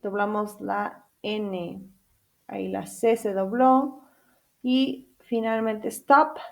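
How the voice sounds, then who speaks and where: A woman's voice: medium pitch, fairly even intonation, extremely slow, gravelly. A woman teaching an English grammar lesson in two languages, spelling out letters, repeating each example and checking in with her class through questions.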